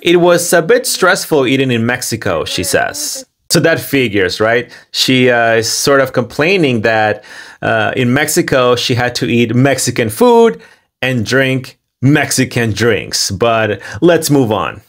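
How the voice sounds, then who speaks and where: Man, mid-range voice, slow pace, emphatic pauses, commentary host delivery. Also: mid-range voice, animated, a bit bright. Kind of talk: scripted commentary with loose running translation.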